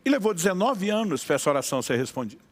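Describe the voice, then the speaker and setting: Animated Brazilian-Portuguese-speaking pastor, man. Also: high voice, racing. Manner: animated, laughing storyteller acting out dialogue. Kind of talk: sermon storytelling.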